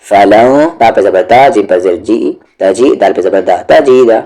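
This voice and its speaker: Slow, low-voiced male tajweed teacher. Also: dark tone. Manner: patient, drawn-out syllable drills. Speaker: Quran recitation teacher. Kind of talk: slow step-by-step tajweed lesson.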